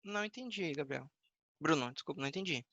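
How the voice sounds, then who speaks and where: A man's voice: on the high side, expressive, fast talker, bright, forceful tone, no echo, dull audio. A man teaching a basic English class, patiently explaining and often checking that students follow.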